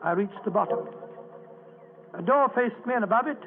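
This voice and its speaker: A man's voice: high-pitched, lively intonation, moderate pace. An actor playing a genteel, blustering older English doctor who tells his story floridly in a radio drama. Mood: suspenseful narration. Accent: British. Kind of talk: old radio drama narration and acting. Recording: tinny, noisy old radio recording.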